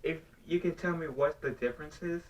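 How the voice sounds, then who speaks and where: This young man's voice is on the high side and brisk as he vlogs unscripted to the camera. He rambles and restarts, earnestly posing a question, and his voice sounds a bit distant from the microphone.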